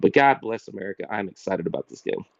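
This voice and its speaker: A man's voice: sits low, sing-song, fast, gravelly, no room sound, muffled recording. A man who is a guest on a podcast, rambling in casual chat, with "like" and "you know" in every sentence.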